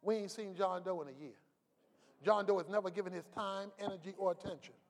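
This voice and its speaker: A man preaching a sermon as pastor, swinging from shouted climaxes to quiet storytelling asides. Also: sits high, steady tone, a little fast. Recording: long reverb of a large hall.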